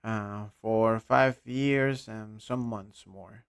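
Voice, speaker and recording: A Costa Rican man with a smooth, clear voice, speaking English as a second language while he hosts a live trading stream. He reads viewer questions aloud and answers them bluntly, often letting his voice drop away at the end of a phrase. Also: lowish voice, steady tone, very slow. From Costa Rica. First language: Spanish. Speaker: trading livestream host.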